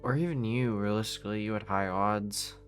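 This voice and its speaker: A man plays a weary leader working through a crisis in a casual roleplay. His voice sits very low, and he rambles, reasoning aloud and restarting sentences. Faint music plays underneath. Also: fairly quick, natural voice. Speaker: roleplay lead.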